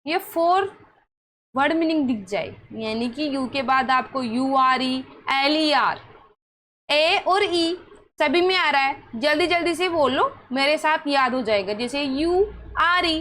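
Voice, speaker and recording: A woman with a Hindi accent teaches English pronunciation in a high voice, slow and deliberate. She poses questions to her students and answers them herself, encouraging as she goes. Faint noise sits under the recording. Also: a bit bright, rough recording. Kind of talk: classroom-style pronunciation lesson.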